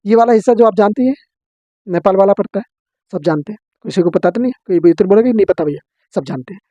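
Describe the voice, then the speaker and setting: A man teaching an exam-prep geography lesson, drilling his students with quick questions and answers. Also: sits high, dark tone, no echo, muffled recording.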